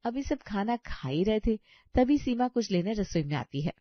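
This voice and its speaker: Woman reading a family story, steady tone, dull muffled audio. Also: mid-range voice, moderate pace, no echo. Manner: even, storytelling. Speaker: narrator. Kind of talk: scripted story narration. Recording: dull lo-fi sound.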